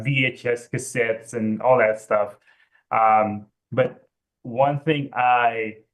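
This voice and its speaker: A man's voice: fairly low pitch, a bit bright, rough recording. A young man from Ethiopia, talking as a guest on a video call, hesitant with many fillers. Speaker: guest, anthology editor. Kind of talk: casual video call interview.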